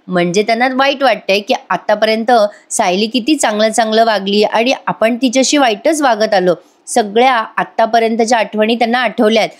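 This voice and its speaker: A woman giving a chatty voice-over recap of a TV serial, talking straight to her viewers. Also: medium pitch. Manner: chatty, addresses viewers directly. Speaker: serial reviewer. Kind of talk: casual voice-over episode recap.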